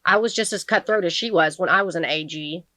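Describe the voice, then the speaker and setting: A cocky young male defense attorney, smooth and reassuring, read aloud in a novel, as a woman reader voices him. The voice is close, dry and fairly low for a woman. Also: a little fast, bright, forceful tone, no room sound. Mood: confident.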